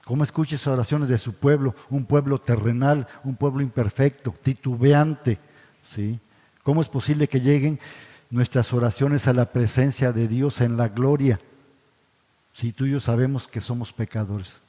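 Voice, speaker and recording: Male Bible study teacher, darker mellow tone, rhetorical questions he answers himself, church hall with a long echo. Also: mid-range voice, fairly even intonation, normal speed. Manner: asks the congregation questions and answers them himself; addresses listeners as brothers, frequent tag questions.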